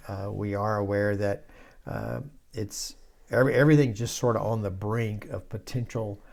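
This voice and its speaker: A soft-voiced man talking casually and haltingly as the host of a church discussion, like a pastor. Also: lowish voice, fairly even intonation, gravelly.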